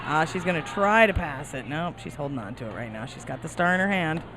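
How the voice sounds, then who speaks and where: A woman's voice: deep voice, expressive, a little fast, noisy background. A woman giving color commentary at a roller derby bout, chatty and upbeat, with a self-deprecating streak. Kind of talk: live sports commentary.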